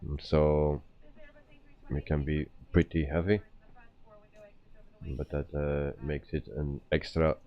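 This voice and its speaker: Very deep, slow-talking man streaming, dull sound. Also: level tone. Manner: hesitant, explaining step by step. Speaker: flight simulator live streamer. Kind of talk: casual game commentary.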